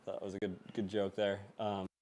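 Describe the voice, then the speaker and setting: A young man from Norway, raised in Arizona, talking casually over slides about his motorcycle shop, halting and full of fillers. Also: low-pitched, completely flat delivery, noisy background. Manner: halting, filler-heavy, laughs easily. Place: event space before a live audience.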